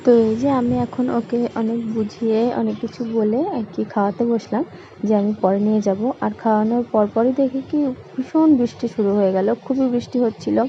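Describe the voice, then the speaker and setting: A woman narrating her vlog in a quick, casual voice-over. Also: fairly high pitch, steady tone, warm tone. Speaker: vlogger. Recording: dull, slightly noisy voice-over.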